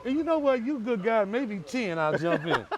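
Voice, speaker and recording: A man's voice: high voice, moderate pace, a crowd in the background. A man in his sixties who tells stories loosely and laughs often while showing his home. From United States. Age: 60s. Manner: laughing, animated storyteller. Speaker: interviewee, homeowner. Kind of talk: casual storytelling during a house tour.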